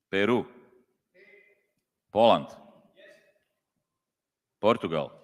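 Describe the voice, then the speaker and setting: Slow deep-voiced man calling a roll. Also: fairly bright tone. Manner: slow, reads out country names one by one. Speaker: congress official calling the roll. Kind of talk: roll call at a meeting. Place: large conference hall. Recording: long hall reverb.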